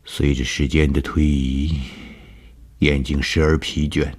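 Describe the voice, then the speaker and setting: A man narrating a ghost story for radio in a slow, measured, dramatic reading. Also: very deep voice, little pitch movement, slightly rough.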